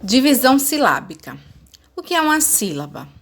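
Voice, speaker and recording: A woman teacher with a Brazilian accent giving a lesson, speaking slowly and spelling words out syllable by syllable. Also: high voice, very animated, fairly bright tone. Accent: Brazilian Portuguese. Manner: slow, deliberate, spelling out syllables. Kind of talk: recorded classroom lesson.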